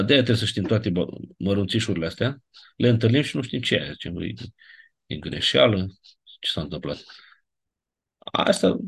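A man's voice: low voice, slightly rough. A man teaching a lecture class, explaining grammar step by step and checking in with his students.

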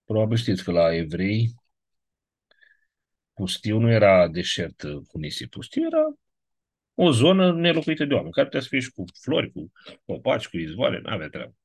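A man's voice: on the low side, big pitch swings, vocal fry, pauses often, no room sound. A man giving an online lesson, explaining step by step and often checking in with his listeners. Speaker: teacher of biblical Greek. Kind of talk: online lecture.

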